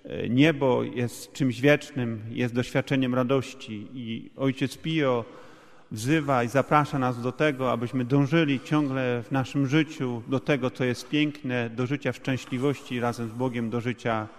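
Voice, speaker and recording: A man's voice: mid-range voice, fairly even intonation, a little slow. Male church interpreter, wordy and echoing. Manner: wordy, restates points with fillers and restarts. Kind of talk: consecutive sermon interpreting. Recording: long hall reverb.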